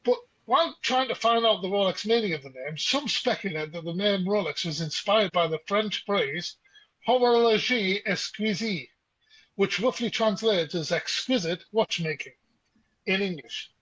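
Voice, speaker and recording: Podcast co-host, male, higher voice, a relaxed yarn-spinner. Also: moderate pace, slightly rough, no room sound, poor audio. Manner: chatty storyteller. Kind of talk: casual chat.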